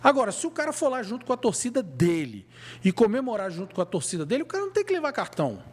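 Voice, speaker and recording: A man with a Brazilian Portuguese accent co-hosts a podcast, chatting about football in a casual, emphatic, colloquial way. His voice is high and a little mellow, with huge pitch swings and a rapid-fire pace.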